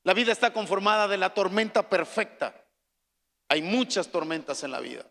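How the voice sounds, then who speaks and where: A man preaching a sermon as pastor, swinging from soft, hushed pleading to loud, shouted calls to the congregation. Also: high voice, lively intonation, moderate pace, big-room sound.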